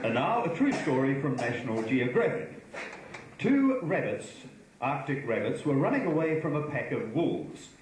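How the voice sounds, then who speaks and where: A New man tells mock news stories, and his pitch jumps around lively. He performs live on stage in a hall with strong echo. It is a theatrical storyteller's delivery. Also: moderate pace, a little hiss or hum. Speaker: comic performer. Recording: echoey stage recording in a hall.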